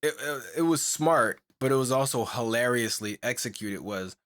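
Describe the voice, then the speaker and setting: A young man co-hosts a podcast in casual chat, his voice medium in pitch, moderately paced, and a bit bright. He rambles loosely, packing his talk with "like," fillers, and restarts, and laughs often.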